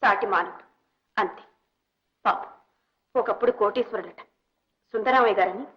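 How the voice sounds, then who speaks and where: An actress playing a kind, compassionate young woman who speaks in a gentle, soft, pleading way in an old film scene. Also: mid-range voice, moderate pace, natural voice. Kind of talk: 1950s Telugu film acting. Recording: dull old film soundtrack.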